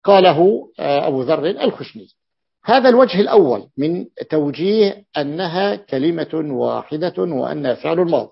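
A man teaching a classical grammar lesson as a sheikh, deliberate and repeating key words, with an "ah" between points. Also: fairly high pitch, expressive, vocal fry, slightly rough. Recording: muffled lo-fi recording.

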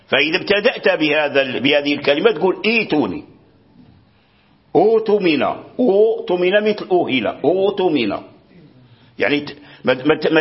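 A man with a fairly high voice explains Quran recitation rules to a student, heard on a muffled recording. He repeats words, restarts often, and keeps checking that his student is following.

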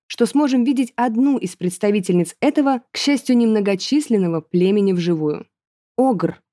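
A woman narrating a first-person fantasy audiobook in a lively, expressive way. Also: mid-range voice.

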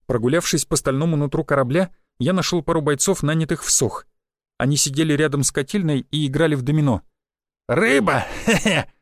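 A man reading a first-person audiobook in a lively way, putting on voices for the characters. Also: on the high side, fast, dry recording, studio quality. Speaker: audiobook narrator.

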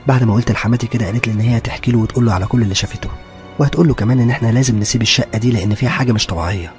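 A man with an Egyptian accent narrating a horror story in a rapid, conversational first-person telling. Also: mid-range voice, darkish tone, soft background music. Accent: Egyptian Arabic.

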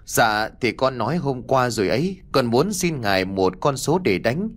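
A man's voice: medium pitch, expressive, normal speed, lightly acted. A man voicing a frightened young man who pleads humbly and stammers. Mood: pleading.

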